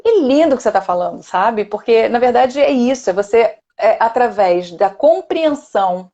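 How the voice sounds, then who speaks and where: A woman's voice: fairly high pitch, lively intonation, moderate pace, lo-fi sound. Upbeat Brazilian-Portuguese-speaking woman host. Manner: warm, enthusiastic, many "né?" tags. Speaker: host, speech therapist. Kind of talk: casual chat on an online live.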